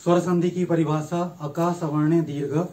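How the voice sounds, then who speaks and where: A man giving a recorded university lecture on grammar, reciting letters and rules one by one in a slow, methodical way. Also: on the high side, level tone, warm tone, rough recording. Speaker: Sanskrit lecturer.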